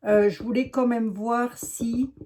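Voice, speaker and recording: A woman's voice: fairly high pitch, steady tone, takes it slowly, warm tone. An older woman with a Lorraine accent, a tarot reader chatting casually to her viewers in a rambling way, full of asides. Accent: Lorraine French.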